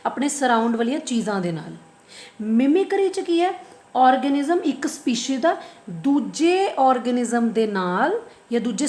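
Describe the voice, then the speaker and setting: A woman's voice: on the high side, darkish tone, slight background noise. A woman with a Punjabi accent giving a biology lesson in a slightly raised voice. She poses questions and answers them herself, going back over each term. The room around her is echoey. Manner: asks and answers her own questions, repeats key terms. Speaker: biology teacher. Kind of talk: online lecture.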